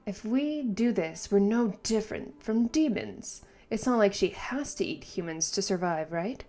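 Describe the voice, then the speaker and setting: A woman voicing an earnest, merciful male hero from a manga, reasoning in a measured way. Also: mid-range voice, lively intonation, dark tone, close to an everyday voice.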